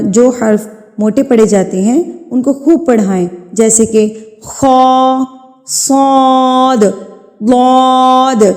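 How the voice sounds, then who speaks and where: A woman teaching a beginner's alphabet lesson to parents and teachers, calling out each letter in a long, drawn-out voice between plain explanations. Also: medium pitch, vocal fry, mellow, big-room sound. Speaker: Quran teacher.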